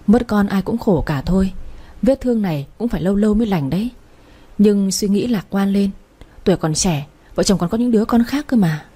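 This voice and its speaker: A woman reading a calm old father-in-law. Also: mid-range voice, brisk, breathy edge. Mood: soothing.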